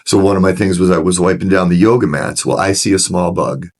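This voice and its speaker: A middle-aged man with a low, deep voice tells his story with earnest frankness. He restarts sentences as he goes and gets animated when he retells a scene. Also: fast talker. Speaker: recovery director, podcast guest. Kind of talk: candid personal storytelling in conversation.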